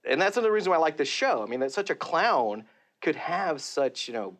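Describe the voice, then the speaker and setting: Brief: animated male voice actor in a casual interview. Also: fairly high pitch, a little fast. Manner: animated, laughs often. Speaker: voice actor guest.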